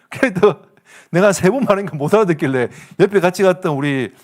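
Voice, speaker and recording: A man's voice: sits high, expressive, fairly quick. A male pastor with a Gyeongsang accent preaching a sermon, telling stories with comic asides and laughter. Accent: Gyeongsang Korean. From South Korea.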